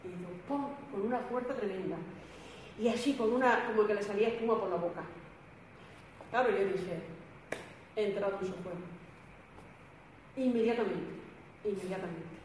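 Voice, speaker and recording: A woman's voice: mid-range voice, moderate pace, long pauses, a little mellow. A woman giving an emphatic spiritual talk to a group, repeating phrases and acting out what people said. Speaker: spiritual speaker. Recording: echoey hall, some background noise.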